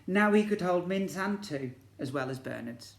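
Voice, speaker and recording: A man's high-pitched, creaky voice carries lively intonation at normal speed as he reads a storybook to his infant school pupils. Expressive and full of questions for the children, he's recorded in an echoey room.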